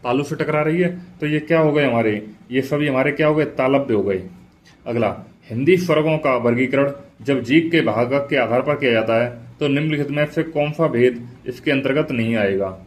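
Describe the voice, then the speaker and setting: A man's voice: medium pitch, normal speed. Male teacher, mid-range voice, runs a quiz-style exam prep lecture and drills each answer twice. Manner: asks the class questions then answers them himself, repeats key points.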